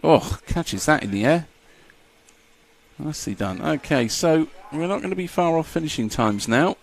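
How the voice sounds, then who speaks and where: A man's voice: fairly high pitch, animated, normal speed, slight background noise. A man doing live race commentary, chatty and jokey as he reads out lap times.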